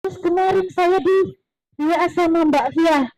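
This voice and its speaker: A woman giving a religious parenting talk in a lively, chatty way, slipping in words and acting out other people's lines. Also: extremely high pitch, normal speed, no echo, low-quality recording. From East Java. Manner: lively, chatty, mixes Javanese words, acts out voices of others. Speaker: parenting seminar speaker. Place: mosque hall.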